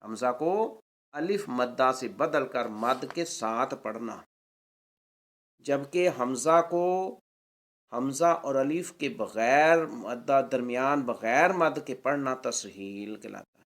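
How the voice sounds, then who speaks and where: A man teaching Quran recitation rules, spelling out letters and vowels syllable by syllable and drawing out the Arabic words slowly. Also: medium pitch, a bit bright. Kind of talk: tajweed lesson.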